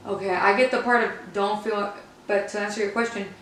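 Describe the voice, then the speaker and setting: A woman speaks in a casual, candid storytelling way, like a podcast co-host sharing personal experience. Her mid-pitched voice rings in a very echoey room, picked up from a distance with faint noise. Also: fairly even intonation, a little fast, fairly bright tone. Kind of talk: casual personal faith conversation.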